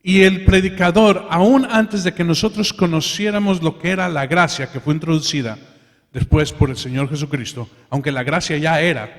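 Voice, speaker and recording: A man's voice: a little high, normal speed. A man preaching a sermon in church, calling his listeners brothers and leading them in prayer. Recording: reverberant hall.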